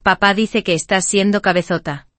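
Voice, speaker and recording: A woman's voice: mid-range voice, steady tone, moderate pace, a bit bright, no echo, lightly acted. A woman voicing a smug, easygoing younger brother in an audio story, talking in a breezy, dismissive way.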